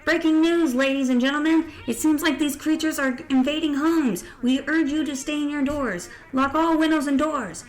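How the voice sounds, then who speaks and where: A woman voicing a loud, urgent male TV news anchor giving a special alert. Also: high voice, moderate pace, hardly any pauses, pitched above the performer's own voice, natural voice, low-quality recording.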